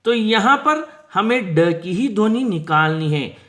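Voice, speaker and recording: High-voiced Indian man teaching pronunciation. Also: lively intonation, pushed and bright. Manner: patient, repeats each rule slowly. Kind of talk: explanatory Hindi lesson.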